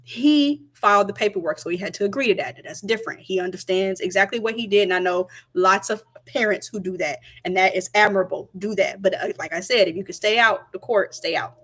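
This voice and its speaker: A woman's voice: mid-range voice, a little fast, few pauses, fairly bright tone. A young woman, chatting casually to camera, emphatic and repeating her points. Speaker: vlogger.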